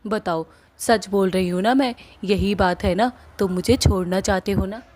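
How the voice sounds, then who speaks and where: A woman's voice: mid-range voice, fairly even intonation, moderate pace, darkish tone, close to an everyday voice. A woman voicing a fiery, jealous young wife in a cartoon story, scolding and emotional. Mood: accusing. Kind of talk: cartoon voice acting.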